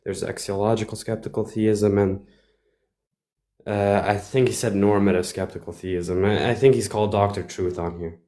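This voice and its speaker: A man's voice: fairly low pitch, flat delivery, normal speed, mellow. A young Bosnian man, a non-native speaker, chatting casually as a livestream guest, hesitant and full of fillers and restarts. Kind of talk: casual chat.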